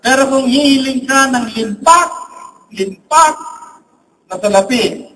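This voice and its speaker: A priest with a very high-pitched, sharp voice and lively intonation delivers a sermon slowly in a large church, telling humorous stories and jokes. The recording was made from among the congregation, so it sounds distant, with a faint hum.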